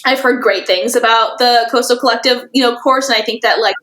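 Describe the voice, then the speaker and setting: A woman talks shop as a podcast guest, her voice sitting a bit high. She rambles through thoughts with plenty of fillers and breaks into laughter easily. The recording carries a noticeable room echo. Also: fairly even intonation, a little fast, a bit bright. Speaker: guest, social media manager and course teacher. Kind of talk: casual podcast conversation.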